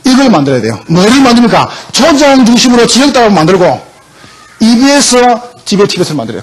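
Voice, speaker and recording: A man's voice: extremely high pitch, slightly rough. A male pastor preaching a sermon emphatically, often asking the congregation questions.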